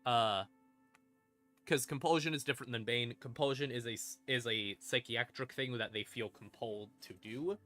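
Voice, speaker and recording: Creepy ambient music runs under a man's casual game-lore explanation on stream. He speaks at a normal speed in a sharp mid-range voice, mixing dry asides with dramatic emphasis in an informal style.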